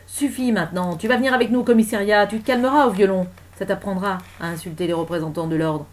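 A woman voicing a gruff male police officer barking orders, in a storybook reading. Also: lowish voice, a little fast, natural voice.

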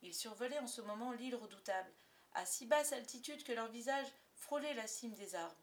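A woman narrating a children's storybook aloud, expressive and dropping softer for suspense. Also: on the high side, normal speed. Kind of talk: audiobook narration of a children's classic.

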